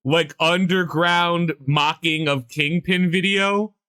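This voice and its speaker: A man co-hosting a casual pop-culture podcast, talking in an animated, sarcastic rant with frequent swearing. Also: on the high side, slow, smooth. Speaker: podcast co-host.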